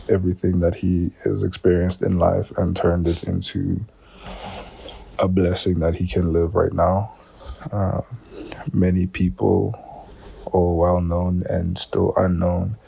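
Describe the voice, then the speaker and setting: A young man offers a halting, earnest tribute, pausing often between phrases. His voice sits very low, with a heavy gravelly fry. It has a breathy, husky edge and an unhurried pace. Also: warm tone, low-quality recording. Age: young adult. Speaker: son paying tribute. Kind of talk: spoken tribute.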